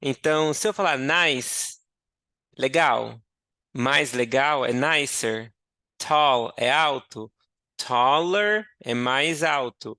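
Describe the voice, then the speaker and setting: A young man gives an English lesson at an unhurried pace. His voice is clear and resonant, with a gravelly edge, and it sounds dry and close to the mic. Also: medium pitch, bright, forceful tone, no room sound. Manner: slow and explanatory, switching between Portuguese and English. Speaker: English teacher. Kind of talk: teaching a language lesson.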